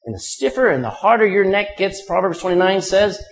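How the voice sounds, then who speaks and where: A man preaches a sermon in a husky, slightly breathy voice that sits a little high for a man. His delivery swings widely in pitch, rising and falling as he fires rhetorical questions at the congregation. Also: expressive, brisk. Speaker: pastor.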